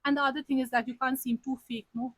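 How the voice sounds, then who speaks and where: A woman's voice: sits high, level tone, fast talker, no room sound, low-quality recording. A young woman in her twenties, an interviewee giving earnest advice and switching between English and Nepali. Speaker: interviewee, civil services topper.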